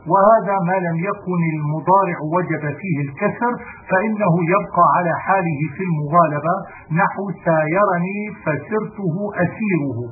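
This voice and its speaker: A man reading a classical grammar text aloud in a steady recitation, sometimes correcting himself mid-word. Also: sits high. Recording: tinny phone-like audio with faint hiss.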